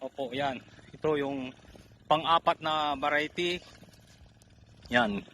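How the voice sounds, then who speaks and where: A man promoting a fertilizer while walking through an onion field, excited and out of breath, talking to farmers watching. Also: on the high side, slow pace, slight background noise. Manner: excited, keeps pointing out crop size.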